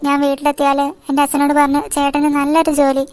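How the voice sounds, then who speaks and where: പേടിച്ച ഒരു സ്കൂൾ ബാലൻ, ഒരു സ്ത്രീ അവതരിപ്പിക്കുന്നു. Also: female voice, high voice, completely flat delivery, quick pace, no room sound, natural voice. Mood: frightened. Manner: pleading, anxious. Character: frightened young schoolboy, gentle. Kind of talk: cartoon voice acting.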